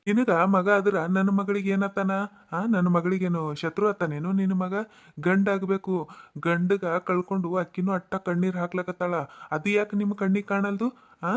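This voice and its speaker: A man's voice: high-pitched, lightly acted. A man voicing a stern middle-aged father in a cartoon who lectures and threatens, with a North Karnataka accent. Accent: North Karnataka Kannada. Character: stern middle-aged father defending his widowed daughter. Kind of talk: cartoon voice acting.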